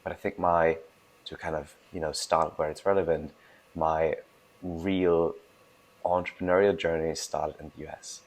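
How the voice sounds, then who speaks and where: Deep-voiced young man. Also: flat delivery, low-quality recording. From Germany. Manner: fast-talking, restarts words, emphatic. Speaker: guest, food startup founder. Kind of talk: casual interview answers.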